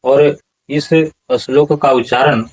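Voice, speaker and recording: A man teaching Sanskrit verse pronunciation in a slow, explanatory lesson, repeating words syllable by syllable. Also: mid-range voice, level tone, muffled recording.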